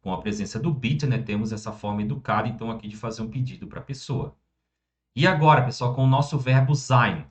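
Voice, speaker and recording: A man teaching German in an online lesson, with a voice in the middle of the usual range. He talks in a lively, chatty way, often tagging his sentences with little check-ins. He slows down and spells out each German example with care. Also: medium pitch.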